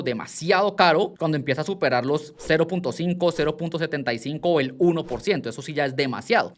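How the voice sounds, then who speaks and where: A man teaching a screen-share lesson, patiently explaining and answering his own questions with emphasis. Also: on the high side. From outside the United States. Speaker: investing teacher.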